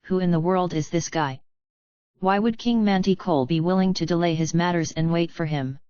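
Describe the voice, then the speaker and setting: A woman's voice: lowish voice, normal speed, warm tone, clean tone, no room sound, natural voice. A woman reading as a groveling, terrified demon servant. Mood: bewildered. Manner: trembling, groveling. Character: terrified low-ranked male demon servant. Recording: dry, slightly dull lo-fi sound.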